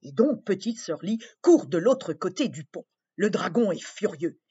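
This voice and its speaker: A woman reads a children's story aloud, slow and gentle, addressing her young listeners. Her pitch swings widely and her voice is a little husky. The recording is dull and lo-fi. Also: big pitch swings.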